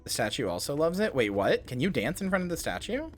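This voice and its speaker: A man's voice: a little high, big pitch swings, quick pace, faint music behind. Rambling, foul-mouthed man streaming a game. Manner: rambling, full of fillers, swears and loud outbursts. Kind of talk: casual gameplay commentary.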